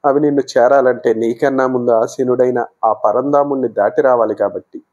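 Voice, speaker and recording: A man voicing a devoted, wise male monkey god who speaks slowly and explains with reverence. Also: medium pitch, steady tone, a little mellow, lo-fi sound, natural voice. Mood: explaining.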